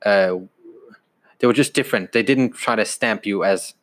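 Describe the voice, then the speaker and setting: A man in his twenties from Denmark, telling stories in a relaxed, casual podcast chat with some restarts. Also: fairly low pitch, normal speed. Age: 20s. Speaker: podcast co-host.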